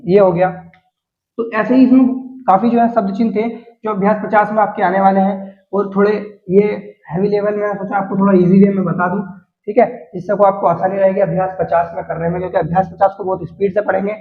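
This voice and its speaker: A man's voice: sits high, flat delivery, fairly quick. A man teaching shorthand step by step as he writes, patiently repeating each rule and talking casually to his viewers. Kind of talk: explaining steps while writing on a board. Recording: echoey room, tinny phone-like sound.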